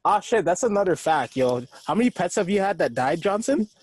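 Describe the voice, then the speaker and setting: A man's voice: sits high, lively intonation, brisk, a crowd in the background. A young man in casual banter with friends, teasing and laughing a lot, full of slang.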